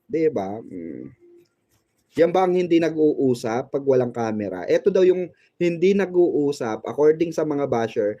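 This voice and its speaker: A man's voice: fairly high pitch, warm tone, dry recording, highs cut off. A man hosting a fan channel, chatting about showbiz in a gossipy, teasing way and laughing often. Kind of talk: casual showbiz commentary.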